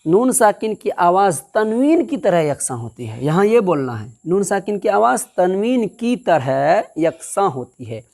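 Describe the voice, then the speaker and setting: A woman's voice: fairly low pitch, big pitch swings, a little mellow. Patient woman teaching Quran reading. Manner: patient, repeats syllables slowly and asks "understood?". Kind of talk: step-by-step recitation lesson.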